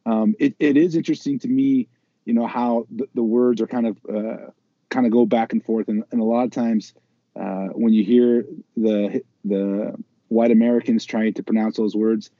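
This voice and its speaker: A man speaks as a podcast guest in a relaxed chat, thoughtful and telling stories as he goes. His voice is very dark and warm. The sound is dry and dull, like lo-fi audio. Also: mid-range voice, normal speed, dry recording.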